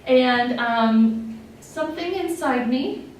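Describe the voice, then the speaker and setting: Her high-pitched voice is a little mellow, with lively intonation and a slow delivery. In her forties and from Wyoming, USA, this nurse executive recounts her own experience openly and conversationally, using many fillers and showing her feelings. Faint noise, echo, and a distant mic mark the recording.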